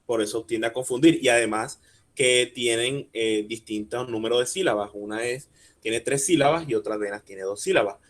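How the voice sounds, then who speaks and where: A man teaching a workshop over a video call. He patiently explains step by step, asks the audience questions and slowly spells out syllables. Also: mid-range voice. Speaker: workshop speaker teaching rhyme. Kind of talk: online workshop lecture.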